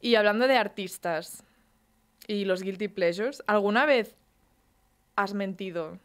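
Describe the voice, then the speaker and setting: A woman's voice: medium pitch, a little slow, fairly bright tone. A young woman co-hosting a podcast in a radio studio, telling stories casually and swearing freely. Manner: chatty storyteller, swears casually. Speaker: podcast co-host. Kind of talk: casual chat.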